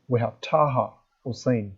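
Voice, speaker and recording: A man's voice: mid-range voice, a little slow, breathy edge. A man moderating an online meeting over a lo-fi call, speaking politely and hesitantly and often repeating himself. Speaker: interview moderator. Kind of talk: informal chairing of an online meeting. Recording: dull lo-fi online call audio.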